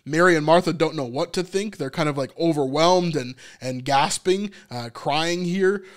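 A man's voice: on the high side, moderate pace. A man giving a casual, chatty recap of a TV episode, with lots of fillers and frequent small laughs. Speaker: TV episode reviewer.

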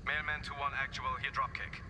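A clipped soldier over a military radio. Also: male voice, mid-range voice, level tone, brisk. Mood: formal. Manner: clipped, formal radio procedure. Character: male army radio operator calling in by radio. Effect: voice heard over a military radio. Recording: noisy game audio.

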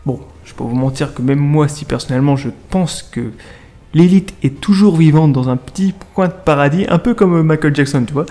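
With music beneath him, a video game reviewer in his 30s speaks fairly quickly in a fairly high, warm voice. His review is casual and slangy, sprinkled with conversational asides to his viewers.

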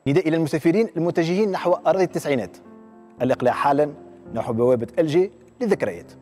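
A man's voice: a little high, expressive, racing, a little mellow, big-room sound, soft background music. Tunisian man doing a mock intercom announcement. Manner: playful, nostalgic presenting. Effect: mock airport intercom announcement. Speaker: TV segment host.

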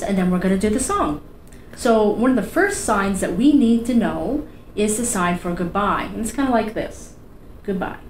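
Her mid-range voice is reverberant, with a little hiss or hum in the recording, taken by a fixed camera a few feet away. She is a middle-aged Canadian with a Newfoundland accent, a children's librarian running a cheerful, sing-song, encouraging storytime from home. She is seated in an armchair in a small indoor room.

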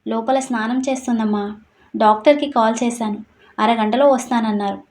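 A woman's voice: on the high side, steady tone, fairly quick, a little mellow, lightly acted. A woman voicing a playful, bossy young husband who teases and scolds his wife in a read-aloud story. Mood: teasing. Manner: teasing, scolding.

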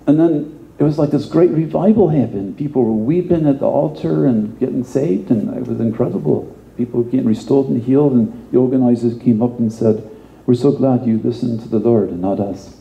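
A man's voice: mid-range voice, fairly quick, vocal fry, mellow, roomy sound, muffled recording. A male pastor giving a conversational sermon, often repeating words and adding asides.

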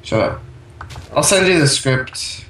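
A man's voice: mid-range voice, sing-song, slow pace, a bit bright. Young male gamer, jokey and theatrical, distant roomy mic with faint hiss. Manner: joking, dramatic groaning. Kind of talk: casual gaming chat. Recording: echoey room mic from afar, faint hiss.

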